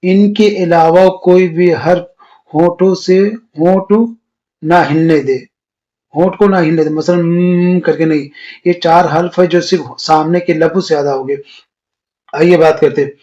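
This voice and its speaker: A male Quran teacher giving a beginner lesson on the Arabic alphabet, explaining step by step and drawing out each letter slowly. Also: a little high, steady tone, dark tone. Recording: dull lo-fi recording.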